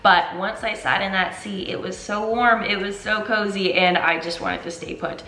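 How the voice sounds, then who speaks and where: A woman's voice: medium pitch, steady tone, moderate pace, pushed and bright. A young woman chatting casually to camera at home, as a running vlogger. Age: young adult. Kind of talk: casual vlog chat to camera. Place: open living room indoors. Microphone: camera a short way off. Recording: echoey room at home.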